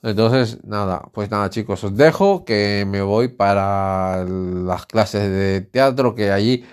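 Rambling, outspoken man from Spain, lowish voice. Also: slow, clean tone. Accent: Spain Spanish. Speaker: podcast host. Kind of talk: casual solo podcast monologue. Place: alone at home.

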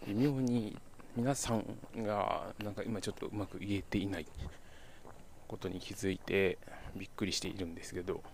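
A man's voice: deep voice, steady tone, moderate pace, slight background noise. A young man from Kyoto with a slight Kansai intonation, hosting a casual solo podcast and talking in a rambling way, correcting himself and chuckling. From Kyoto, Japan. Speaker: podcast host.

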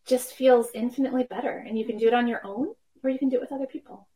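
A woman's voice: on the high side, steady tone, rapid-fire, warm tone, low-quality recording. A woman in her fifties, a worship professor speaking as a podcast guest, explaining ideas reflectively through personal anecdotes. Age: 50s. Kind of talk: conversational podcast interview.

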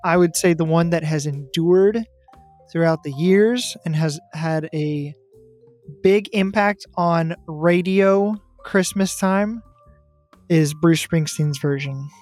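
A podcast co-host in casual chat, teasing and deliberately contrarian. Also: medium pitch, a little mellow, soft background music.

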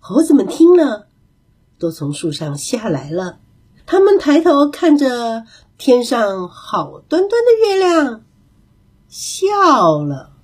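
A woman reading a children's story aloud with animated, expressive narration. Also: on the high side, takes it slowly, slightly rough.

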